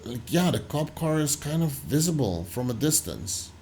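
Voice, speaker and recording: A man hosting a reaction video, talking loosely and haltingly over footage he is watching. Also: on the high side, very animated, a little mellow, slight background noise. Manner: loose, halting, full of "like" and restarts. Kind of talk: casual commentary over footage.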